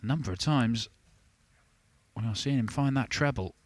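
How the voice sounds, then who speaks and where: A man's voice: mid-range voice, normal speed. A man giving live darts commentary as a sports commentator. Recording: faint venue noise behind commentary.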